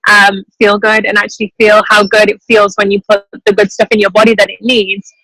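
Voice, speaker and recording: This is a twenty-something English team member giving an enthusiastic, informal motivational testimonial over a group video call at an airport terminal. Her medium-pitched voice, pushed and bright, moves little in pitch and runs fairly quick, recorded dry and rough.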